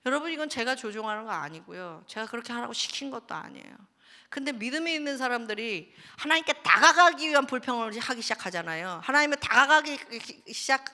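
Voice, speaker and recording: A pastor's wife preaching at a Friday service, animated, swinging between loud bursts and hushed asides as she acts out people's prayers. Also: fairly high pitch. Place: church sanctuary. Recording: reverberant church hall.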